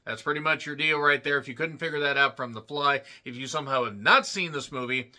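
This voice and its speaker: Male reviewer, thirties, bright and sharp, loose jokey delivery full of wordplay. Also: fairly high pitch, quick pace. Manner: jokey, rambling asides with wordplay and self-mockery. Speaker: film reviewer. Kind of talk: casual solo movie review.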